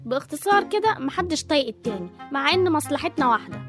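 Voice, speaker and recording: Woman doing a very high sulky egyptian girl, fast deadpan talk. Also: music in the background. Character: gloomy young woman patient, stubborn, sulky.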